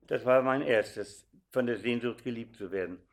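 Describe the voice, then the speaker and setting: A man's voice: mid-range voice, moderate pace. An older man giving a sermon, telling stories and speaking directly to his listeners. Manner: animated storytelling, addresses audience directly. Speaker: preacher.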